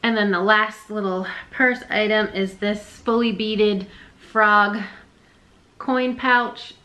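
Chatty bright-voiced woman vlogging. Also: medium pitch, steady tone, slow, low-quality recording. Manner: rambling, self-deprecating, chatty. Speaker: reseller vlogger. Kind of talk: casual haul vlog.

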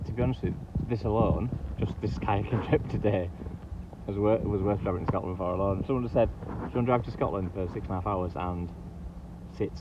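A man with a lowish voice speaks a little fast as he vlogs outdoors, from a kayak at sea to the beach afterward. He's chatty and rambling, often saying "you know". The action camera's audio is dull and lo-fi, with obvious wind and water noise.

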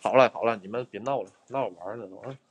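A man's voice: lowish voice, racing, breathy edge, muffled recording. A man hosting a live stream as a ghost hunter in an abandoned building, chatting bluntly with viewers, swearing and thanking them for gifts. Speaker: livestreaming ghost hunter host.

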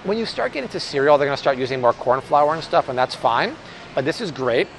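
Reviewing a product with casual enthusiasm, this American vlog host in his thirties talks fast in a slightly high, lively voice. The audio is poor, though the store ambience and hum of the big indoor supermarket aisle come through clearly, and he stays upbeat and chatty.

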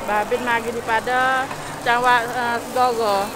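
A woman speaks through a face mask from behind her food stall. She answers in short, halting bits with a flat, even delivery, and heavy background noise from the busy mall surrounds her. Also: on the high side. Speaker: street food vendor. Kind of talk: casual answers to a vlogger's questions.

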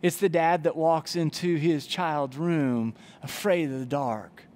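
This is a man in his forties, a pastor, preaching an earnest sermon into a headset mic inside a church chapel, a brick wall at his back. His voice is a little high and darkish, steady in tone and slow. He gestures broadly as he preaches.

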